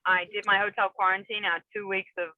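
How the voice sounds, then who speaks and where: A woman's voice: medium pitch, flat delivery, fast, no echo. Young woman fighter from New Zealand, chatty and rambling, heard over a phone-thin video call. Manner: rambling, many fillers and restarts. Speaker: MMA fighter, guest. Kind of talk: casual interview chat. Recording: tinny phone-like remote call, dry.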